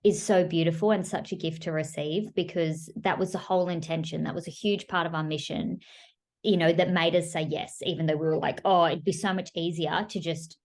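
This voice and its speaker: A woman's voice: deep voice, steady tone, a little fast. A woman hosting a relationship-coaching podcast, speaking in a gushing, openly emotional way and getting teary as she thanks her guest. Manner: warm, gushing, tearful at times.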